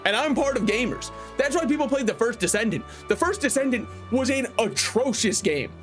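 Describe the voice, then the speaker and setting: A man's voice: very high voice, animated, brisk, faint music behind. A man giving casual, opinionated live-stream commentary on games, conversational and joking. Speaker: game streamer.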